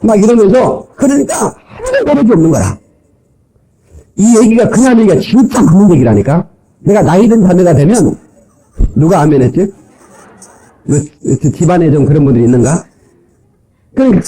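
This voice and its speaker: A man's voice: high-pitched, very animated, normal speed, pauses often, warm tone, low-quality recording. A male pastor preaching a sermon in a church, joking with the congregation and mimicking people's voices.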